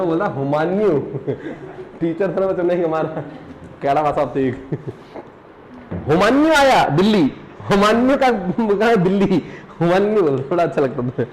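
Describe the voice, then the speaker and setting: A teacher from the Uttarakhand hills, speaking Hindi with a Pahari tinge, runs a live exam revision class in a high, lively voice at normal speed. He repeats points, quizzes students, calls them "beta," and jokes and laughs as he teaches. The recording is low quality with slight background noise.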